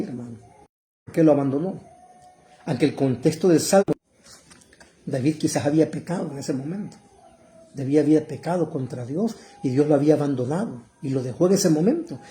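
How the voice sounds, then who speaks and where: Fervent preacher, dark tone. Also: male voice, fairly high pitch, a little hiss or hum. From El Salvador. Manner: fervent, addresses listeners as brother, rises to loud cries when quoting. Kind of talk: sermon.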